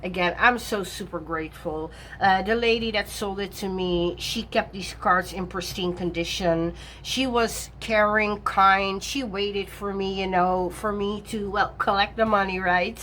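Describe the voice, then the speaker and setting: A woman's voice: mid-range voice, fairly even intonation, unhurried, hardly any pauses, fairly bright tone. A woman talking through her tarot decks in a loose, rambling vlog chat. She backtracks and rephrases often and breaks into easy laughs. Faint room noise sits under her voice. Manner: chatty and self-correcting, laughs often. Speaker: tarot vlogger.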